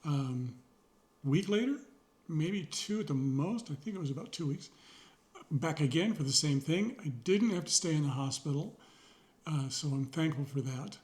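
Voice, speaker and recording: A middle-aged man talking slowly and sincerely in a personal video journal, pausing often with fillers and a dry joke now and then. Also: a little high, lively intonation, darkish tone. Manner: rambling, pausing, many fillers; sincere, reflective, wry. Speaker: vlogger.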